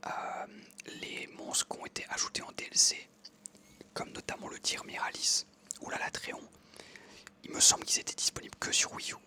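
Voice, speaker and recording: At a normal speed, this young adult ASMR creator whispers a rambling story softly and without voicing, using plenty of filler words.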